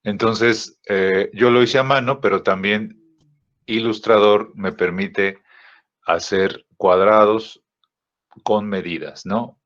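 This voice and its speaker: Slow halting male teacher, lo-fi audio. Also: lowish voice, fairly even intonation, fairly bright tone. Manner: slow, halting, many fillers and rhetorical checks. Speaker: design teacher. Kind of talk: software tutorial lesson. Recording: dull lo-fi audio.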